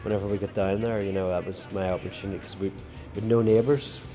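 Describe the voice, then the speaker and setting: A Northern Irish man talks loosely in an interview, rambling through stories with plenty of "you know"s. His voice sits very low. Loud music plays clearly behind him. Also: steady tone, fast talker. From Northern Ireland. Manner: chatty storytelling with fillers. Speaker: rock band drummer. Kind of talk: casual interview chat.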